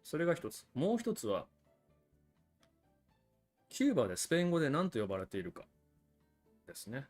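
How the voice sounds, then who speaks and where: A man's voice: on the high side, huge pitch swings, brisk, pauses often, a little mellow, soft background music. A man hosting a livestream about cigars, explaining things in a chatty, casual way with frequent asides to viewers. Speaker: cigar channel host.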